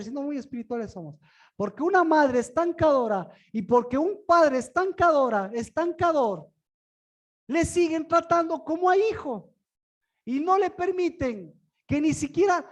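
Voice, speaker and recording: High-voiced male preacher, questions the room constantly, stumbles and repeats words. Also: muffled recording. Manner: asks the room many rhetorical questions; repeats and restarts words often. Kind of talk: sermon-style Bible teaching.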